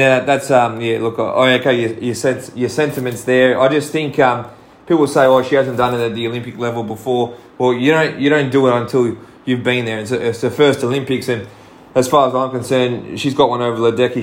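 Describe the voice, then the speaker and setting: Rambling Australian man talking sport. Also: medium pitch. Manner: enthusiastic, rambling with fillers and restarts. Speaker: podcast host. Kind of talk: casual sports chat.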